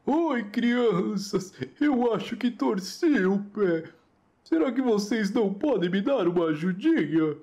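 A man's voice: high voice, expressive, unhurried, mellow, a little hiss or hum. A man voicing a sad, hurt old Santa Claus in a children's cartoon. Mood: pained, pleading.

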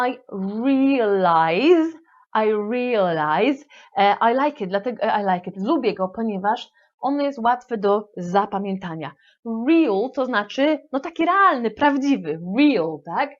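A woman's voice: mid-range voice, expressive, slow, muffled recording. A woman teaching English vocabulary in a playful, affectionate manner, with frequent hesitation fillers. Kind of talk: lively language lesson.

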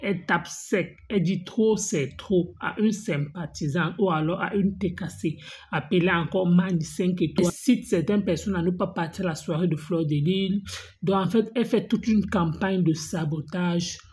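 Lower-voiced woman commentator addressing viewers. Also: normal speed. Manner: animated, addressing viewers directly. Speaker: gossip commentator. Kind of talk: online commentary.

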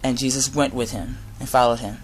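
Young guy preaching casually, medium pitch, earnest and a bit halting, recorded in a garage. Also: steady tone, slight background noise, low-quality recording. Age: young adult. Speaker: inspirational speaker giving a Bible talk. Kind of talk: informal sermon with scripture reading. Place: inside a garage. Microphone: device camera at close range.

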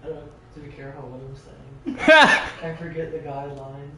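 A man's voice: on the high side, little pitch movement, measured pace. A man joining his brother's stream, tossing out offhand jokes in casual banter. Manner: joking, offhand. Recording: distant echoey voice with loud noise.

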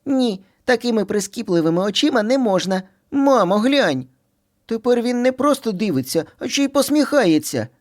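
A man's voice: very high-pitched, big pitch swings, normal speed, voice pushed up. A man voicing two squabbling little boy bunny brothers in a storybook reading, whiny and bickering.

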